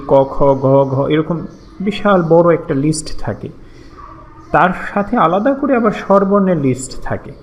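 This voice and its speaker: A man's voice: high-pitched, muffled recording, a little hiss or hum. A man teaching a lesson, explaining step by step and patiently repeating syllables for practice.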